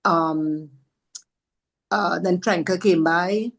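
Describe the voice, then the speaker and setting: A woman from Trinidad and Tobago, a podcast guest sharing a personal story in an earnest, halting way, often acting out what others said. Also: fairly low pitch, fairly bright tone. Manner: earnest, often acts out others' words in her retelling; halting, with fillers and restarts.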